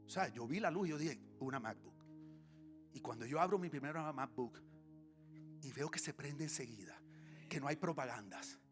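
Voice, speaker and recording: A man's voice: a little high, normal speed, music in the background. A male pastor delivering a sermon before a congregation. He tells stories with comic flair and sometimes drops into a whisper. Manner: animated, comic storytelling with dips into whispers. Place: church stage before a congregation.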